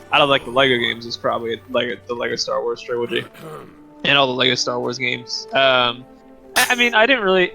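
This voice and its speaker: A man's voice: mid-range voice, gravelly, pushed and bright, rough recording. A young man co-hosting a casual gaming podcast, rambling and laughing often. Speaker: podcast co-host. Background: game music.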